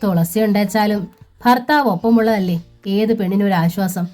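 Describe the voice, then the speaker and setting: A woman's voice: mid-range voice, moderate pace, warm tone, soft background music, close to an everyday voice. A woman voicing a worried, outspoken middle-aged sister-in-law who lectures in a fretful tone, in a storybook reading.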